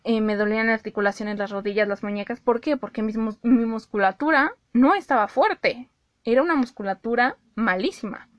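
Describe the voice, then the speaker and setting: A young woman with a Mexican accent, talking casually and directly to her viewers, giving advice and acting out her own inner dialogue in an animated way. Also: fairly high pitch, brisk, no echo. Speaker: vlogger giving life advice. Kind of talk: casual direct-to-camera talk.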